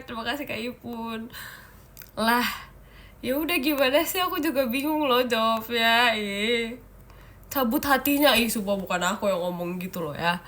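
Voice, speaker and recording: A woman's voice: fairly high pitch, a bit bright. A young woman hosting a casual livestream chat, playful and giggly, teasing her viewers while sick with a cough and a stuffy nose. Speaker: idol livestream host.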